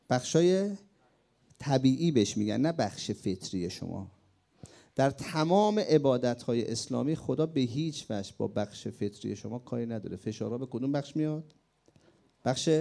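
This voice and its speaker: Man, middle-aged, from Iran, gravelly voice, sermon with war stories, emphatic questions. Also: medium pitch. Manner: animated, rising to emphatic outbursts and questions to the audience. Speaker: preacher and war veteran. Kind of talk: religious sermon with war memories.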